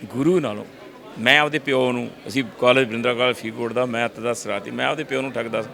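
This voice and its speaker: A middle-aged man, telling lively stories in an interview and acting out voices. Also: medium pitch, fast, gravelly. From Punjab, India. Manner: lively storyteller, acts out voices, frequent restarts. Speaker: actor interviewee. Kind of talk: animated casual interview talk.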